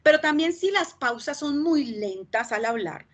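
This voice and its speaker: A woman with a Colombian Spanish accent giving a training lecture, talking fast and checking in with her listeners. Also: sits high, lively intonation. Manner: talks fast with frequent "¿sí?" check-ins.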